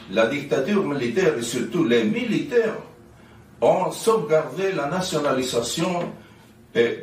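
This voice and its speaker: An elderly man, a native Spanish speaker, delivers a commemorative speech in French with a clear Chilean Spanish accent. His pace is slow and halting as he searches for words. The recording is distant and roomy, with a little background noise. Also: on the high side. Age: 70s. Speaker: speaker, NGO president. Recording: distant mic, roomy echo, faint noise.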